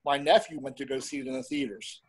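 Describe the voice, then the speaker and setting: A middle-aged man chatting casually as an interview guest, rambling a little and pausing as he goes. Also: medium pitch, fairly even intonation, breathy edge. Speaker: interview guest, horror host and film reviewer.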